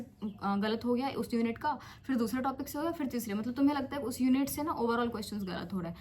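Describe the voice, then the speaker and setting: A woman's voice: on the high side, a little mellow, slight background noise. A young woman in her twenties, a medical student, coaching exam students in a casual, bossy, teasing big-sister tone with playful scolding. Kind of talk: casual direct-to-camera coaching.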